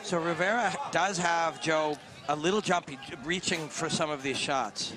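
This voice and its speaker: A man's voice: on the high side, moderate pace. Analytical fight commentator man. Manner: analytical, explains technique. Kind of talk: play-by-play commentary. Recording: commentary over crowd and music.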